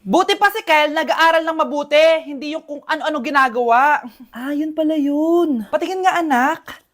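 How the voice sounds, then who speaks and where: A woman acting in comedic skits with a lively, teasing delivery. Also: high-pitched, moderate pace. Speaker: comedy skit performer.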